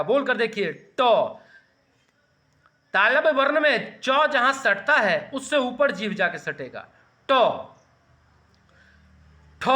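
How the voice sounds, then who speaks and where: Male teacher, measured delivery, high bright voice, for a grammar lesson. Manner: slow, deliberate, sounding out letters for students to repeat.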